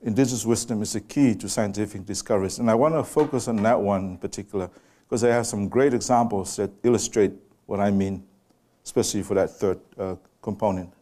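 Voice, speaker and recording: A man gives an unhurried public lecture in a room with a live audience. His voice sits fairly low and has a warm, mellow tone. He turns to the listeners now and then with direct questions. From Samoa. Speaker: guest lecturer.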